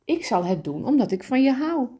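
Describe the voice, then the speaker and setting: A kind and wise soul who speaks with patient tenderness, as a woman reads the part aloud. The voice is warm and slightly husky, and it rises and falls in lively swells. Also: high-pitched, fairly quick, dull audio, pitched above the performer's own voice, exaggerated voice. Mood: gentle. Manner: gentle, patient explaining.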